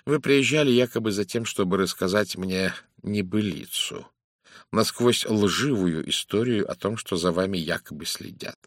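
Reading an audiobook character, a man voices a fussy older male detective who lectures suspects in a precise, theatrical way. His voice is lowish and close to everyday speech, at a normal speed, recorded with studio quality and no room sound.

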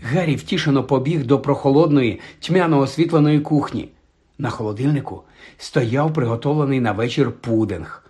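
A man reading an audiobook as narrator, with expressive, steady storytelling. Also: mid-range voice. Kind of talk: scripted narration.

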